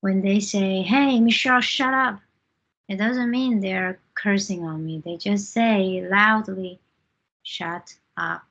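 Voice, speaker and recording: Slow husky-voiced woman. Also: medium pitch, fairly even intonation, a bit bright. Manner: earnest, halting, non-native phrasing. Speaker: participant in self-inquiry session. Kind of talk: reflective conversation on a video call. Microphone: video call. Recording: muffled lo-fi video call audio.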